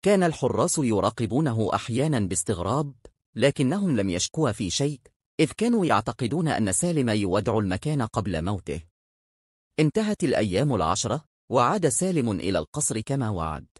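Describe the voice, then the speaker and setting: A man narrating a moral folk tale in a measured, expressive storytelling manner. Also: mid-range voice, husky, no room sound, studio quality.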